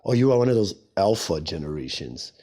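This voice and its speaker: A man in his forties from Hawaii hosting a casual solo podcast. He sounds hoarse and talks in a rambling, chatty, self-mocking way. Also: low-pitched, big pitch swings, a little fast, warm tone. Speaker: podcast host.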